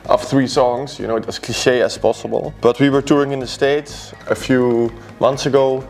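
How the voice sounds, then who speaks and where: A man's voice: mid-range voice, fairly even intonation, normal speed, creaky, a little mellow, faint music behind. Thoughtful man. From Belgium. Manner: thoughtful, rambling with fillers. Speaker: musician. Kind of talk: casual chat about favorite records. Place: record store.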